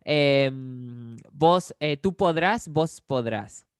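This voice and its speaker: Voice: mid-range voice, extremely slow, clear, resonant tone, dry recording, clean studio sound. A speaker from Córdoba in Argentina with a Cordoba Argentine accent, patiently explaining Spanish grammar with examples and often checking in with the listener. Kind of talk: explanatory conversation.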